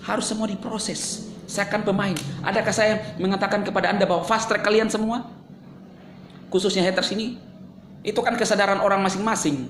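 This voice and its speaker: A man talking straight to his viewers in a casual monologue, animated and sarcastic, swinging between loud jabs and low mumbles. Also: a little fast, echoey room, a little hiss or hum. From Indonesia. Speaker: video creator answering critics.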